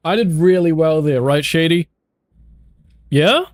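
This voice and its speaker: A man's voice: fairly high pitch, expressive, a little slow, no room sound. A young man with a New Zealand accent chatting casually with his viewers, loose and jokey, swearing freely and laughing often. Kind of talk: casual chat.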